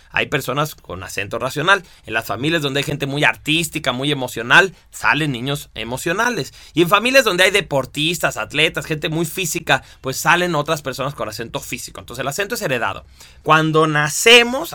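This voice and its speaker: A man delivering an animated lecture in a bright, forceful voice that swings widely up and down, sitting a little high for a man. He keeps checking in with rhetorical questions and drops in punchy sound effects to drive his points home. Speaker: teacher.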